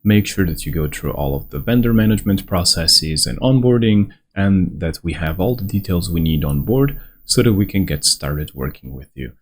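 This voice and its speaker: A lively man with a low voice, whose first language is Slovenian, guides viewers through a screen-recorded software walkthrough as an onboarding presenter. He moves at a moderate pace with hardly any pauses, keeping it conversational, step by step, and reassuring.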